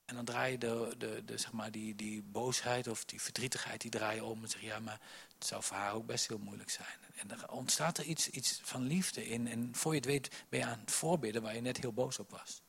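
A man preaching a sermon, telling Bible stories with many restarts, dropping to soft asides and rising to loud emphasis. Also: medium pitch, fairly even intonation, brisk, vocal fry, husky.

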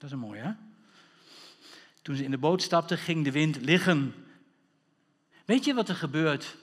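A man preaching a sermon, animated, full of rhetorical questions and bursts of shouting. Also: on the high side, normal speed. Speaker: pastor. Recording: long hall reverb.

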